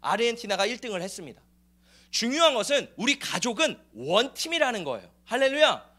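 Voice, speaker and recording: Man, pastor, sermon, bright forceful tone, emphatic preaching. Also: extremely high pitch, a little fast. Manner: lively and emphatic, calling hallelujah and asking the congregation questions. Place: church sanctuary.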